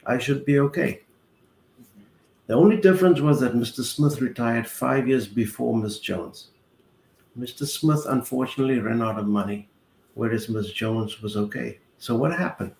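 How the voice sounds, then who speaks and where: A gravelly-voiced man in his sixties, from South Africa, talks through money matters in a steady, measured way. His voice sits at an ordinary pitch. He sounds recorded in a roomy, echoey space with a faint hum of ambient noise behind him. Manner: measured, explains with worked examples. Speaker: guest, accountant. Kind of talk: explaining finances in an interview.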